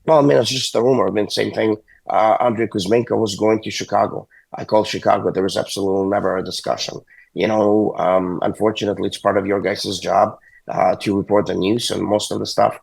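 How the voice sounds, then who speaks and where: This guest, a hockey agent, joins a phone-in interview from his hospital bed, sick and hoarse, with a low, gravelly, husky voice that is steady and a little mellow. His speech stumbles along, packed with uhs and restarts. Over the phone line the sound is poor, dry and close-miked, without any room sound.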